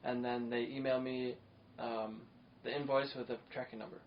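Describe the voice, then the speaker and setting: A podcast host chats casually, rambling and enthusiastic, with plenty of fillers. His mid-range voice has a flat delivery at a normal speed, and the lo-fi sound is dull with faint noise.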